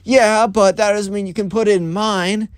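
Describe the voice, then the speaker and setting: A furious teenage bully boy with a whiny, blustering voice, as a man puts him on in a storytime vlog. His voice pushes noticeably higher and the sound stays dry and close. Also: steady tone, normal speed, smooth, dry recording, lightly acted.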